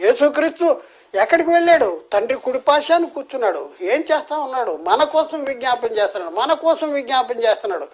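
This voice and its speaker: A man's voice: very high-pitched, expressive, fast, low-quality recording. A Telugu-accented man from India gives an earnest sermon, asking many rhetorical questions and often restarting his words. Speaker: preacher.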